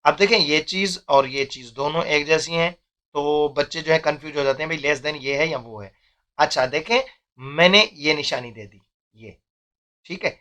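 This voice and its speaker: A young man teaching math, his voice bright and a little high. He explains step by step in a patient classroom manner, checking in often. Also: moderate pace. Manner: explains step by step, often says "theek hai".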